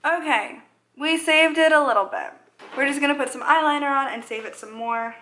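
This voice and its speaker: A vlogger in her twenties chats fairly quickly through a makeup tutorial, her high voice pushed and bright. She rambles and mocks herself as she applies the makeup, and the indoor living room where she records is echoey.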